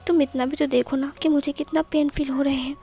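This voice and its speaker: Give me a woman playing a timid, pleading young man who stutters, high and soft-toned. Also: flat delivery, fairly quick, faint music behind. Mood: fearful. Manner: stammering, pleading.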